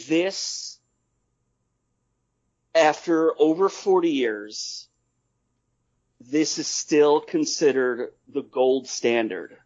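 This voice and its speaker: A man talking casually as a podcast guest, halting and deliberate as he discusses films. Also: mid-range voice, a little mellow. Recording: slightly dull, compressed audio.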